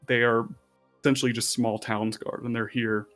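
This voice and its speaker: A man narrating as game master for a tabletop role-playing game, relaxed and rambling with fillers. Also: medium pitch, normal speed, faint music behind.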